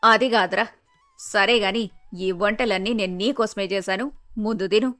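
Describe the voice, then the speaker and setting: A woman voicing a fussy middle-aged mother in an animated story, scolding and teasing in a matter-of-fact manner. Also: mid-range voice, moderate pace, no echo, lightly acted. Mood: coaxing. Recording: dry close voice, soft music.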